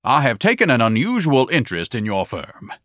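A man's voice: medium pitch, wildly swooping pitch, brisk, fairly bright tone, no echo, clean studio sound, pitched above the performer's own voice. A man reading an audiobook, voicing a pompous, fussy grown man who lectures everyone in a didactic, self-important way. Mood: grandiose.

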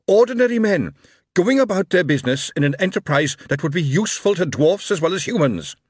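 A man reading an audiobook, voicing a furious male dwarf king who declaims loudly and indignantly. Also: medium pitch, animated, unhurried, no room sound, studio quality, voice pushed up.

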